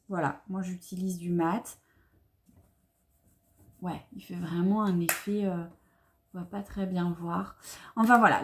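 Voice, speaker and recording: A woman's voice: medium pitch, slight background noise. A young woman, chatting enthusiastically to camera as she unboxes beauty products, with many fillers. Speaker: beauty vlogger. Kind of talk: casual unboxing chat to camera.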